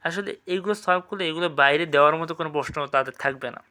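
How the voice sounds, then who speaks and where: A man teaching an exam revision class, repeating each word slowly and checking with quick questions. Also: on the high side, sharp tone, clean tone.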